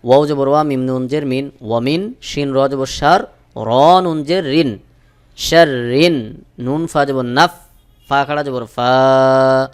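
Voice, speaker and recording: Male Quran teacher from Bangladesh, unhurried and smooth-toned, spells each letter before chanting the verse. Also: mid-range voice, fairly even intonation. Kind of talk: slow spelled-out Quran recitation lesson.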